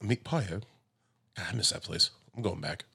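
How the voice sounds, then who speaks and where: A young man co-hosting a casual podcast chat, teasing and laughing often, his voice dropping quiet at the ends of lines. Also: lowish voice, a little fast, gravelly, husky. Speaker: podcast co-host.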